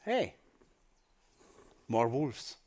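A man's voice: mid-range voice, sing-song, extremely slow, darkish tone. A man moderating a panel discussion on a conference stage, asking brief prompting questions with many fillers. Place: conference hall stage, indoors.

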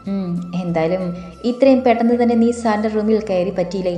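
A woman's voice: medium pitch, a little fast, mellow, reverberant, faint music behind, natural voice. A woman voicing Jani, a gossipy female coworker who speaks in a snide, insinuating way, in a read-aloud story.

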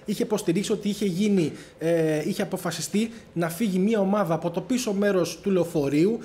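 A man working as a reporter, explaining his investigation in a measured, explanatory way. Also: sits high, dark tone.

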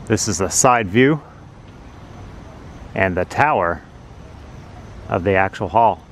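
Low-voiced man narrating a walking tour. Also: animated, a bit bright, a little hiss or hum. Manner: slow, plain, informative. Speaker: vlogger touring a building. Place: outdoors on a city sidewalk. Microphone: handheld phone camera.

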